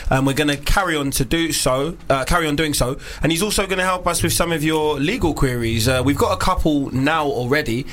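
Higher-voiced male radio host. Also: brisk, hardly any pauses, a bit bright. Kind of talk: casual, joking radio chat.

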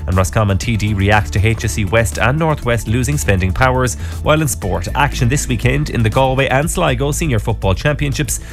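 A man's voice: medium pitch, brisk, hardly any pauses, over music. An Irish man reading scripted news headlines for local radio as a studio reporter.

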